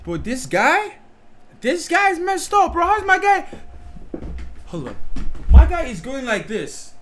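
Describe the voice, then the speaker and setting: A young adult man with an extremely high voice and huge pitch swings hosts a reaction video, speaking unhurriedly over music. He exclaims animatedly and puzzles aloud over rap lyrics in a small indoor bedroom lit pink and red, with a rap track playing faintly.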